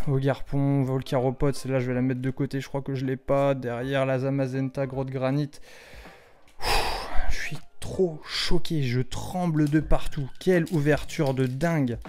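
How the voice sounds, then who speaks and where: Man, 30s, casual card-opening vlogger, excitable and loud at big pulls, faint music underneath. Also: medium pitch. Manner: excitable, exclaims loudly over cards. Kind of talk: casual vlog commentary.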